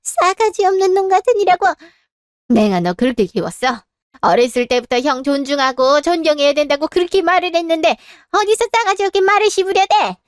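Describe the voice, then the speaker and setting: A high, shrill-edged older mother-in-law who scolds and nags without letup, as a woman reads her part in a dramatized story. She harps on demands in a reproachful tone, and the sound is dry and close, with no room around it. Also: expressive, a little fast, dry recording. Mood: indignant.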